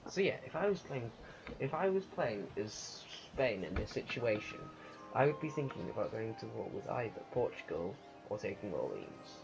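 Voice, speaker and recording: A man giving unscripted commentary on a strategy game, thinking aloud in a halting way. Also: fairly low pitch, very animated, creaky. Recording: muffled lo-fi recording with music. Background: music.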